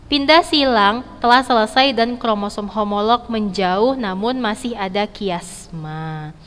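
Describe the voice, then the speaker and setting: Female teacher, smooth higher voice, instructional and repetitive for clarity, recorded with long echo. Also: a bit bright. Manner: instructional, repeats key points and checks understanding. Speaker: biology teacher. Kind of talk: explanatory school lesson. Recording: reverberant, hall-like echo.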